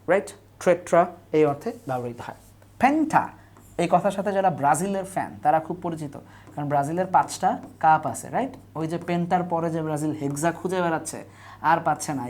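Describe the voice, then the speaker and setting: A woman's voice: low voice, a little mellow. A young woman gives an online class on English word roots. She explains step by step, lists examples and often asks "right?" to check. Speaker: teacher. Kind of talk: online admission-test English lesson. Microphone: camera on a tripod.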